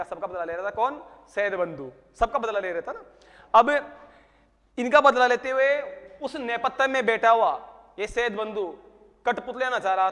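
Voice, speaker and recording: High-voiced teacher. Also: male voice, fairly bright tone, in a large hall. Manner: storytelling, acts out dialogue with humor. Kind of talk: casual classroom history lecture. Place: coaching classroom.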